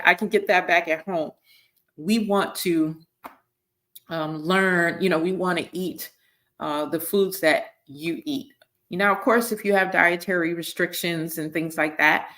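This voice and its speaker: Low-voiced woman hosting a live talk. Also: a bit bright. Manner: conversational, often checks in with "right?" and "okay?". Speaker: host, missions team leader. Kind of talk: live-streamed teaching talk.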